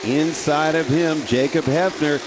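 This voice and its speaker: A man working as a co-announcer, calling a race live in an animated, exclamatory way as a race caller. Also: on the high side, unhurried. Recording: clear engine noise behind. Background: race cars.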